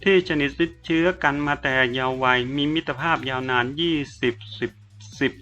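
A man narrating an audiobook novel in a steady, measured storytelling manner. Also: mid-range voice, dull audio, soft background music. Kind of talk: scripted narration.

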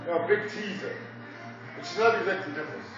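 A rambling, crude man in his fifties from Indiana drifts from story to story with chuckles in between, his voice pitched fairly high. He is heard from across a very echoey coffee shop on a dull, muffled recording. Faint music plays behind him. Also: quick pace, distant mic. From Indiana, USA. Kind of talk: rambling monologue.

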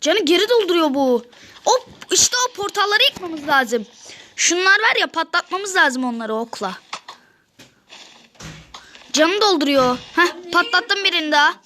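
A woman playing a video game with her son, giving quick orders and scolding. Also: very high-pitched, lively intonation, sharp tone. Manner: bossy, hurried, calls out orders. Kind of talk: casual gameplay chat. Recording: noisy home recording.

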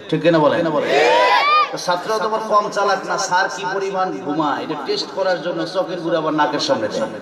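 A man with a high, ringing voice delivers a lighthearted sermon over a loudspeaker on an open field. His voice echoes and sounds far from the mic, with a big crowd murmuring behind him. He tells funny stories and keeps prodding his listeners to answer. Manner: jokey storytelling, keeps demanding answers from the audience. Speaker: Islamic preacher. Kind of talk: humorous sermon at an outdoor gathering. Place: open-air religious gathering on a field. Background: large listening crowd.

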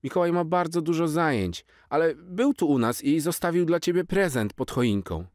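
A man voicing a loving father in a children's storybook, with a soft comforting tone. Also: fairly high pitch, animated, normal speed, no echo, studio quality, voice pushed up, natural voice. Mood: soothing. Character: gentle loving father, soothing his sad son. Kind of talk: storybook character voice.

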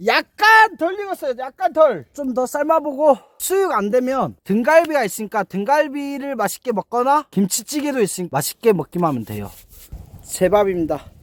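A man's voice: very high voice, sing-song, a little fast, a bit bright. A man chatting casually as he narrates his own cooking and eating vlog. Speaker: mukbang vlogger.

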